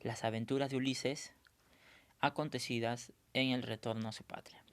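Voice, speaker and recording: A man's voice: medium pitch, fairly even intonation, moderate pace. A male teacher going over a review lesson, explaining step by step and often checking in with his students.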